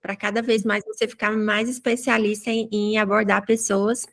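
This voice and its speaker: A woman mentor hosting an online business meeting, brisk and directive while encouraging the participants. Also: mid-range voice, flat delivery. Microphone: video call.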